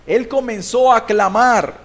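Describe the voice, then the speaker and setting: A man from Nicaragua preaching a sermon as pastor, swinging between loud and soft delivery and drawing out key words slowly for emphasis. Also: very high-pitched, creaky.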